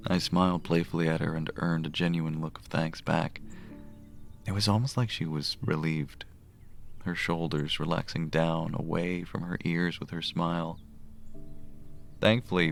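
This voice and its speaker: A man voices a gentle, smitten male cleric with healing magic in a romantic audio drama, mixing first-person narration with dialogue. He speaks in a very deep, gravelly, soft murmur that sounds shy and tender, with music in the background.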